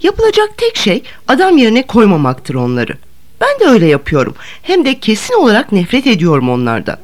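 A woman reading an audiobook, voicing a fawning young man with loud, blustering outbursts. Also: fairly high pitch, wildly swooping pitch, a little fast, pitched above the performer's own voice. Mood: scornful.

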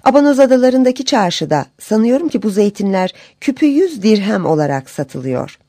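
A woman's voice: mid-range voice, sing-song, normal speed, warm tone, dry recording, studio quality, voice pushed up. A woman voicing a deferential ship captain.

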